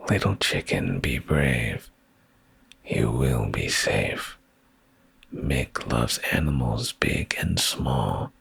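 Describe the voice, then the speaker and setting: An ASMR streamer reads bedtime stories in an intimate boyfriend style, his deep, gravelly, breathy voice hushed and soothing, often dropping to whispers close to the mic. He is animated yet very slow, and there's no echo.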